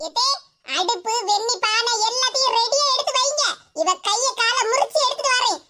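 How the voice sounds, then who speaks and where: A feisty cartoon daughter-in-law, as a woman puts her on, combative and threatening. Her voice is very high and thin. Heavy hiss and clicks sit behind it. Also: a little fast.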